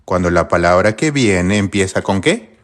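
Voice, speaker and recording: Guy teaching english grammar, low voice but really bouncy, keeps asking questions then answering. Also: normal speed. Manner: lively, rhetorical questions to viewers. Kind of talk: online grammar lesson.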